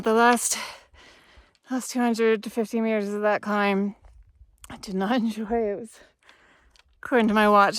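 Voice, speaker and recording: A woman chats to her own camera outdoors in the mountains, candid and exclaiming as she goes. Her voice sits mid-range, with music playing clearly underneath. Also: medium pitch, no room sound. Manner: chatty, candid, exclaiming, with laughs and sighs. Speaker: solo hiker filming herself. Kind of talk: casual vlog to camera. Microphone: self-shot camera held or set nearby.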